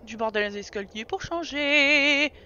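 A woman with a high, bright, forceful voice at a moderate pace livestreams a life-sim game, cursing casually and talking to her characters. Her stream audio comes through dull and lo-fi.

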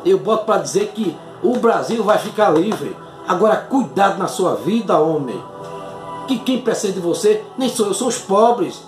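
Gesturing widely with both hands, an older male doctor with a Northeastern Brazilian accent earnestly pleads straight into the camera from his small home office. He speaks at a moderate pace in a high, animated voice, and the room echoes while music plays in the background.

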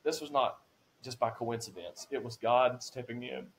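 A man's voice: medium pitch, normal speed. A man in his forties on a podcast, telling a personal faith testimony with earnest feeling, his voice rising when he is moved. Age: 40s. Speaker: podcast guest. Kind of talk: emotional testimony.

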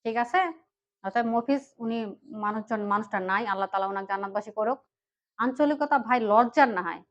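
Woman vlogger, northern Bangladeshi dialect, earnest, pitched a bit high, muffled lo-fi sound. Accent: Panchagarh northern Bangladeshi dialect. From Panchagarh, northern Bangladesh. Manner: earnest, keeps asking "right?" to the viewers. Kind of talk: direct-to-camera talk.

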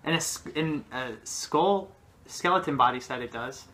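Seated on a sofa in a small living room with music playing, a young man co-hosts a video and makes his case in a casual, playful debate. His voice is on the high side and sharp in tone, at a normal speed.

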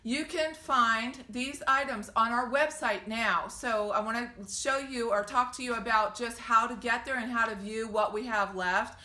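A woman's voice: a little high, steady tone, unhurried, few pauses, sharp tone. A woman in her forties, a boutique owner, chatting upbeat through a sale walkthrough in a store, with frequent ums and gushing praise. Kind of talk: casual sales walkthrough video. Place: shop doorway outdoors, then inside a store. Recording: roomy sound with faint background noise.

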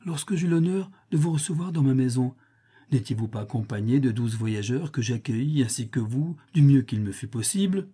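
A man's voice: medium pitch, expressive, normal speed, dark tone, slightly rough. A man doing a sly mocking old gambler. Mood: pleading. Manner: mocking, self-assured.

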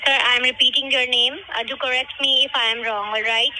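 A woman's voice: sits high, fairly even intonation, a little fast. A woman working as a call center agent who keeps patiently repeating set phrases. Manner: repeats "all right", patient, formulaic. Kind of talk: scripted customer service call. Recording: phone line with background noise.

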